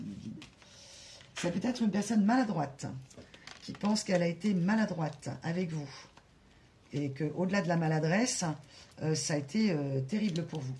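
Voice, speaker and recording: A French-speaking card reader giving a spiritual guidance reading, talking slowly with many hesitations and asides to spirit guides. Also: medium pitch, a little mellow, a little hiss or hum. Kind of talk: tarot-style guidance reading to camera.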